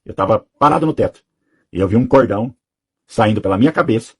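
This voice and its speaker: A man in his thirties tells a personal testimony at a quick clip, his voice slightly husky and grainy. He rambles from one point to the next, often checking in with small "you know?" asides. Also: on the low side, lively intonation. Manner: rambling, tags sentences with "sabe?" and "né?". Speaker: testimony giver.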